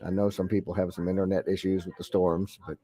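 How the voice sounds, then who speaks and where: A middle-aged man with a head cold teaches an online math class in a deep, congested voice. He speaks low, level and mellow but at a quick pace, rambling with many fillers and restarts.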